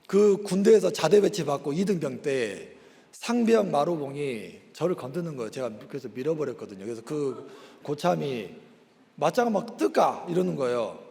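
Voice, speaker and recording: A middle-aged man, a pastor, giving an animated sermon testimony and acting out quarrels, then growing quiet and reflective, in a reverberant church hall. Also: a little high, gravelly. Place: church sanctuary.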